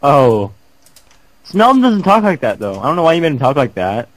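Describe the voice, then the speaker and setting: A man's voice: medium pitch, very animated, moderate pace, dry recording. A man joining as a guest player, wisecracking in casual gameplay banter.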